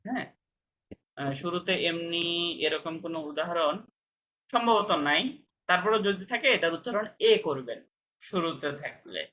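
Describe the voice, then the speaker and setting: A man's voice: fairly high pitch, expressive, normal speed, long pauses, bright, forceful tone, a little hiss or hum. A man teaching a language class, patiently explaining pronunciation step by step and checking whether students understand.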